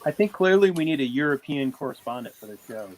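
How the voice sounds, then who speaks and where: A man's voice: medium pitch, animated, quick pace, poor audio. A man co-hosting a casual livestream chat, amused and laughing at his own stories.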